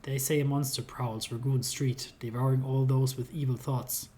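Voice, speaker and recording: A man's voice: mid-range voice, little pitch movement, normal speed, warm tone, slight background noise, natural voice. A man reading the lines of a woman deckhand on a ship, speaking plainly and helpfully. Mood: warning.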